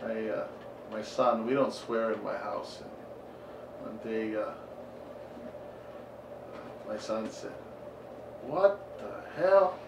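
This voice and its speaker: A pastor from Maui, Hawaii, who talks softly and hesitantly as he tells rambling stories in an interview. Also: fairly low pitch, level tone, takes it slowly, gravelly, pauses often. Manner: soft-spoken, hesitant, rambling. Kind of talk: casual interview storytelling. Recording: roomy, distant, noisy recording.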